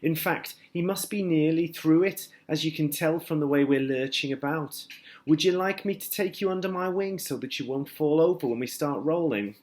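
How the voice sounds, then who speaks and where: A man voicing a gentle, kind female ladybird in a children's storybook reading, with a raised, soothing, motherly voice. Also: a little high, normal speed, voice pushed up, lightly acted.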